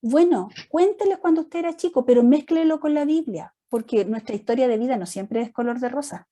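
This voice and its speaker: Chilean woman pastor, mellow, storytelling. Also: high voice, a little fast. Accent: Chilean Spanish. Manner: lively storytelling, acts out family dialogues. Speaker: pastor leading a parents' workshop. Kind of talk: conversational church teaching talk.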